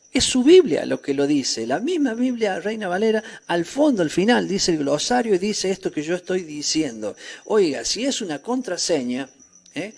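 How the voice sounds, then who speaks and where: A male pastor preaching a sermon in an emphatic way, with rhetorical questions, sometimes rising to near shouts, with crickets chirping behind him. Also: a little high, creaky.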